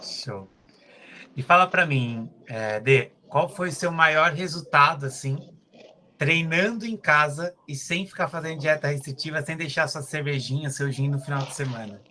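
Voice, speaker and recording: A man's voice: on the high side, normal speed, pushed and bright, a little hiss or hum. A man with a Brazilian Portuguese accent, a personal trainer hosting a casual interview in an upbeat, eager coaching tone.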